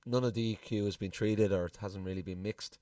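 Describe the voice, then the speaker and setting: Low-voiced man talking from off the mic. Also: steady tone, brisk, dark tone, no echo, studio quality. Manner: informal, thinking aloud. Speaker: music production tutorial presenter. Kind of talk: casual tutorial walkthrough. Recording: distant mic, music playing behind.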